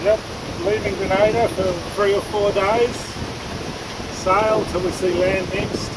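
Relaxed man narrating aboard a windy sailboat. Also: high-pitched, takes it slowly. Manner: relaxed, matter-of-fact, with sailing jargon. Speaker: sailing vlog host. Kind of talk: casual vlog narration. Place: open cockpit of a sailing catamaran at sea. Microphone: handheld camera mic, wind on it. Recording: windy outdoor camera audio. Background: wind and water noise.

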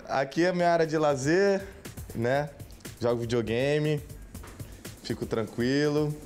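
A man's voice: fairly high pitch, measured pace, music in the background. Young male athlete, laid-back banter, handheld mic at home. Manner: relaxed, joking, laughs often. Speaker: football goalkeeper being interviewed. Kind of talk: casual home-tour interview. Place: apartment indoors. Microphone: handheld reporter mic.

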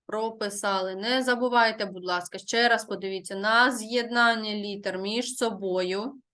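A woman teaching a primary school language lesson. She speaks slowly and carefully, as in dictation, and asks questions that she answers herself. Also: medium pitch, fairly even intonation, sharp tone. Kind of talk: online Ukrainian language lesson.

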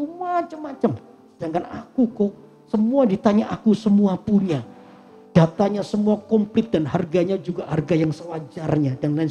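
A man's voice: high voice, vocal fry, dark tone, muffled recording. A man preaching a sermon as a pastor, telling stories and speaking directly to the congregation. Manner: storytelling, addresses the congregation directly. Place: church service before a congregation.

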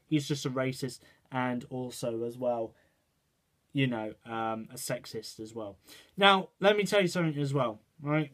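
A man ranting his opinions to camera in a rambling way, checking in with "right" and "okay". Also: mid-range voice. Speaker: vlogger. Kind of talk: casual opinion rant to camera.

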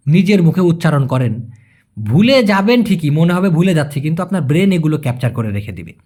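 Man, language lesson, animated pitch, patient and repetitive. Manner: repetitive, coaxing, checks understanding often. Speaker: language teacher. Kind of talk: explaining Malay vocabulary to viewers.

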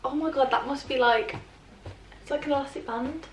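This young British fashion vlogger in her twenties has a high-pitched voice at a moderate pace, chatting through a casual try-on haul and saying "like" nonstop. She's recorded in a plain grey bedroom on a camera mic across the room, so her voice is distant and slightly off-mic, with roomy echo, faint ambience, and background noise.

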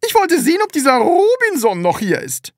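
A woman voicing a bossy, angry landlady in an audiobook, with a shrill, loud and scolding way of talking. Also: huge pitch swings, normal speed, no room sound, studio quality. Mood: furious. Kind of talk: audiobook character reading.

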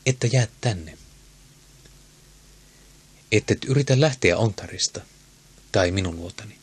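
A man's voice: on the low side, slightly rough. A man voicing a proud, passionate queen in an audiobook, speaking in a commanding, intense way.

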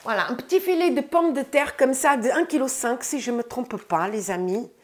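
Sitting in a bright room beside a window, a Frenchwoman in her thirties with a cold-stuffed nose shows viewers her groceries in a casual, upbeat vlog, frequently calling them "les amis". Her voice sits high and sounds animated at a moderate pace; the lapel mic picks up a slight hiss or hum.

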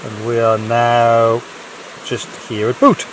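A man's voice: medium pitch, little pitch movement, slow pace, noisy background. A middle-aged man chatting casually outdoors in the hills, explaining a route in an easygoing way. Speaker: walking companion. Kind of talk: casual chat. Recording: distant outdoor camera audio.

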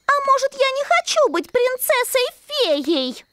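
Very high, childlike fairy princess. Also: female voice, very animated, fairly bright tone, no room sound, heavily acted. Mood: bored. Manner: childlike, drawn-out. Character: sweet, bored little fairy princess girl. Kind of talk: children's cartoon acting.

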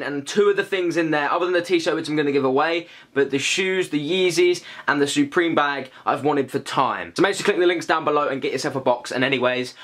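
Young guy, excitable vlog host, slangy, noisy handheld camera sound. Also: a little high. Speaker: vlogger host. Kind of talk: casual vlog unboxing and exploring. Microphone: handheld camera mic.

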